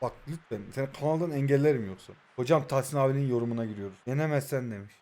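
A man in his twenties from Turkey, commentating his own football video game match, yelling at his players one moment and muttering the next. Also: mid-range voice, rapid-fire. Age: 20s. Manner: loud swings between shouting at players and muttering. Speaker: mobile football gaming YouTuber. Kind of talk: excitable live gameplay commentary.

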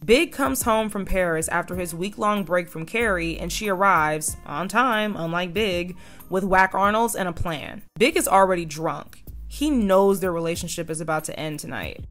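A woman's voice: fairly low pitch, moderate pace, a bit bright, faint music behind. A young woman in her twenties narrating a video essay with sardonic, opinionated commentary.

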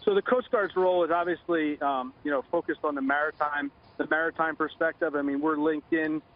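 A middle-aged man giving a halting official briefing in a live news interview over the phone. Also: on the high side, fairly even intonation. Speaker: Coast Guard commander, phone interviewee. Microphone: phone line. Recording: dull lo-fi phone line.

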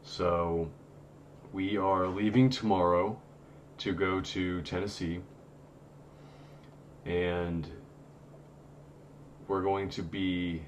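A man's voice: low-pitched, a little hiss or hum. A man in his thirties hosting a casual live stream from a home studio, talking in a loose, rambling way with many fillers and restarts. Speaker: host of a paranormal live stream.

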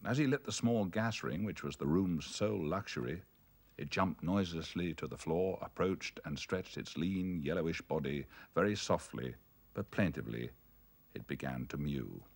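A man telling a ghost story in a measured, brooding delivery. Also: rumbling low, lively intonation, vocal fry, slightly rough. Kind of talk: dramatic ghost story reading.

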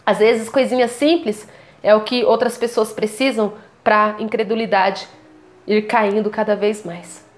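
A young woman from Brazil telling a faith testimony as a casual vlog, acting out the voices of her mother and sister with lively jumps. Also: unhurried. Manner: animated, acts out quoted voices with big pitch jumps.

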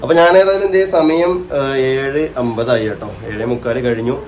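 A man's voice: mid-range voice, animated, moderate pace, a little mellow, a little hiss or hum. A man chatting casually to his viewers as he films his own family vlog, rambling and talking straight to the camera. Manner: teasing with family. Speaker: vlogger.

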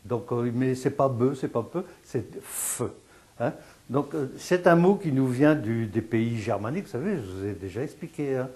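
A man's voice: medium pitch, animated, normal speed, warm tone. A man teaching local dialect on television, explaining words, repeating them and asking and answering his own questions. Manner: didactic, repeats words, asks and answers himself.

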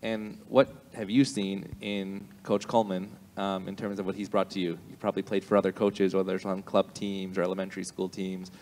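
A man in his forties, a rabbi hosting a live interview, asking steady, curious questions into a handheld mic in a large sanctuary. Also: low voice, brisk, hardly any pauses, slight background noise. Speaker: rabbi and show host. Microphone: handheld microphone. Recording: long hall reverb.

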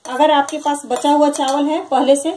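High-voiced woman narrating a home recipe. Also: moderate pace, a little hiss or hum, low-quality recording. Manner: calm, instructive, repeats each step. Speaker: cooking channel host. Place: home kitchen, over frying sounds.

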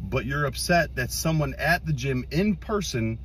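A man's voice: mid-range voice, expressive, moderate pace, slight background noise. A man in a social media clip, filmed in a car on his phone, questioning someone with incredulous rhetorical lines. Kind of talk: video commentary clip.

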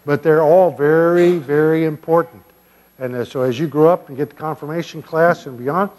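An older man, a pastor giving a children's sermon in a church sanctuary, gently and playfully asking the kids questions. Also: a little high. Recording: long church reverb.

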